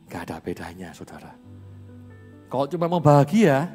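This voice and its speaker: A pastor preaches a sermon in a chatty, storytelling way, laughing often, his medium-pitched voice sing-song, slightly mellow, and husky at a normal pace. The recording is from a reverberant church hall, with faint music in the background.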